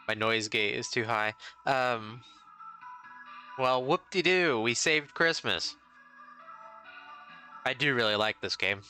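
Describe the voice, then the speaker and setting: A man's voice: medium pitch, pushed and bright, clear, resonant tone. A man streaming a game in casual, rambling chat, with a noise gate chopping off the ends of his words. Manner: rambling, trails off into restarts. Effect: noise gate chopping off word endings.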